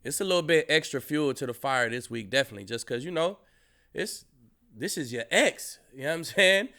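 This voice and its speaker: A former player hosts a sports talk podcast in a bright, forceful voice that stays smooth and resonant. He talks laid-back and loose, full of easy slang. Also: fairly high pitch, fast. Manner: laid-back, relaxed slang, keeps saying "you know what I'm saying". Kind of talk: casual podcast chat.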